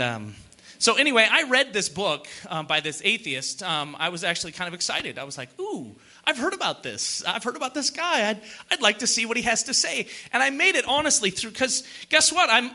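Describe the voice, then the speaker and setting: A man's voice: high-pitched, pushed and bright. A man preaching a sermon in a conversational way, full of emphatic rhetorical questions and repeated phrases.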